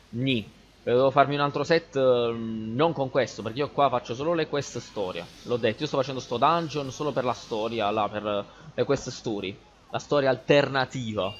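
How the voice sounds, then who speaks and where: A man talking through his own gameplay in an excitable, chatty way, cursing now and then and addressing viewers directly. His voice sits at an everyday middle pitch. The recording sounds a little dull and lo-fi, with a faint hiss underneath. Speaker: gaming channel host. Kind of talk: live gameplay commentary.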